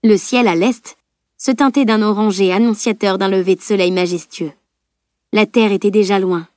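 A woman reading a fantasy novel aloud as an audiobook narrator, at a steady, measured pace. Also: mid-range voice, dry recording, clean studio sound. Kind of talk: scripted narration.

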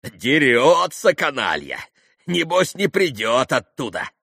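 A man voicing a hot-headed young man who exclaims excitedly. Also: medium pitch, slow, creaky, no echo, clean studio sound, voice pushed up, exaggerated voice. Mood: excited mocking.

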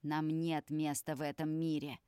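Woman reading a cold, commanding vampire patriarch in an audiobook; low, dry, lecturing. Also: level tone, normal speed, mellow, clean tone, no echo, close to an everyday voice. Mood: cold stern. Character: stern domineering male vampire elder, cold and harsh.

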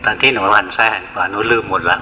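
Older monk in a reverberant hall. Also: male voice, fairly low pitch, steady tone, rapid-fire, background noise. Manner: plain storytelling, frequent "na" tag. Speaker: Buddhist monk teacher. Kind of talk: dharma talk with questions from the audience.

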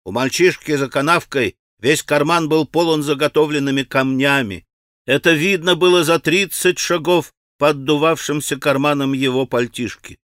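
A man narrating a classic novel as an audiobook, with expressive, measured storytelling. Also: on the high side, no room sound. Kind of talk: scripted narration. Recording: dry studio recording.

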